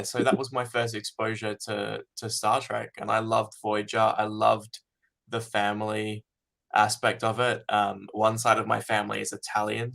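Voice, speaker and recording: A man's voice: on the low side, gravelly, a bit bright. A man, a fan filmmaker being interviewed, talking casually and thoughtfully with many ums.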